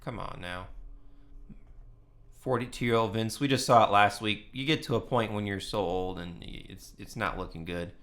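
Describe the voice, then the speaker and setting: A man's voice: lowish voice, normal speed, fairly bright tone. A man hosting his own fight predictions video, talking casually and getting worked up, swearing often and repeating himself for emphasis. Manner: heated and profane, lots of "come on now" and "you know what I mean". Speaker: host of a fight picks channel.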